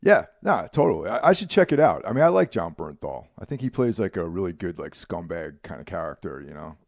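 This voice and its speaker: A man co-hosts a podcast, chatting in a relaxed, rambling way and often trailing off with "you know what I mean?" His voice sits very low but moves animatedly up and down. The sound is dry and close. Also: fairly quick, vocal fry, dry recording. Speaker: podcast co-host. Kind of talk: casual chat.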